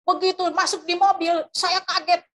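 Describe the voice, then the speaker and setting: A woman's voice: extremely high pitch, flat delivery, moderate pace, a bit bright. A woman preacher tells a story over a video call, rambling with many fillers and restarts. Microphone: video call microphone.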